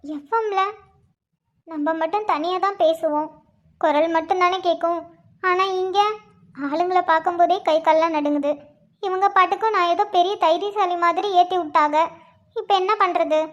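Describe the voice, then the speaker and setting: This is a timid young wife in a cartoon, speaking softly in a very high voice, as a woman puts her on. She is a radio host and sounds hushed and nervous. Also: normal speed, lo-fi sound, natural voice.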